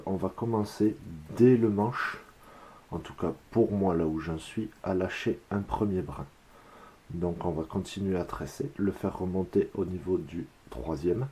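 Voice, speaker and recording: A man from France calmly explaining a craft step by step, counting his braiding moves aloud as he works. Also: low voice. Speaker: whip-making instructor.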